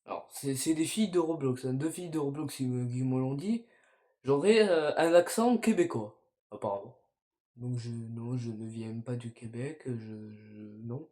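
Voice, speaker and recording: A man's voice: mid-range voice, moderate pace, dark tone. A man chatting casually to a camera in his bedroom, rambling and jokey, often restarting his sentences. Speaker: vlogger. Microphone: camera set up in the room.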